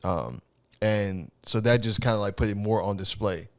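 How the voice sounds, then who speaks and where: A middle-aged man from the Chicago area, co-hosting a casual chat and often pausing and repeating words. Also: on the low side, clear, resonant tone, dry recording. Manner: relaxed, halting, repeats words. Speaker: co-host.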